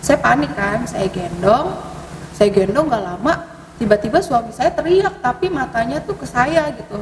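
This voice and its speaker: A woman recounts eerie events in relaxed conversation, hesitant and full of fillers, her pitch jumping up as she talks. Her fairly high voice sounds distant from the mic, carried in a long, echoing hall, with clear background noise. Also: moderate pace. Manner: hesitant, many fillers, sudden rises in pitch. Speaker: podcast guest telling ghost stories. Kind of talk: casual storytelling conversation.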